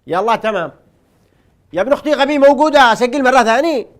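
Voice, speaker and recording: A man putting on a shrill blustering uncle. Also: animated, fast. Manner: shrill, blustering, calls the host nephew. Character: bossy excitable uncle scribe, adult man.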